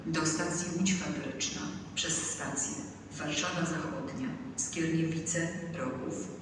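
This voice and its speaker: Echoing station loudspeaker announcer, far off. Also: medium pitch, steady tone. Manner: measured, formulaic, evenly paced. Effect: train station loudspeaker announcement. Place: large railway station platform. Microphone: public address loudspeaker recorded from a distance. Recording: echoey station hall from far off, noisy. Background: station ambience noise.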